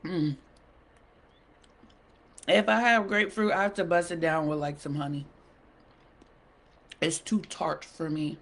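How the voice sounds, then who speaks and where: A woman's voice: deep voice, steady tone, measured pace, pauses often, fairly bright tone. A woman hosting a casual livestream, chatting playfully with viewers while she eats. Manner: chatty, playful, bantering with the chat; talks while eating. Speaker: livestream host.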